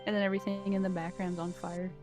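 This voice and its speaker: A woman, a game developer, chatting casually on a stream, self-deprecating and quick to laugh. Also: on the low side, level tone, a little mellow, soft background music. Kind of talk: casual live-stream chat.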